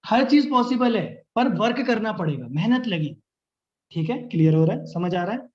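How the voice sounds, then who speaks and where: A fairly high-voiced young man energetically coaches a live online sales training, now and then launching into quick example dialogues in which he plays both sides. It sounds like a live stream, roomy and a little dull.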